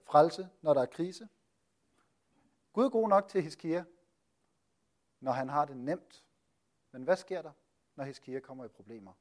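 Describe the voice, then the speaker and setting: Man teaching a Bible lesson with a slightly high voice. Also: a little mellow. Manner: rhetorical questions, frequent hesitations. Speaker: preacher.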